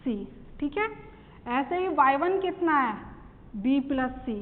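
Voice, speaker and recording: A woman's voice: sits high, expressive, slow pace. A woman maths teacher working through problems step by step, asking questions and answering them herself. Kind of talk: classroom lesson. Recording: tinny phone-like sound with long reverb.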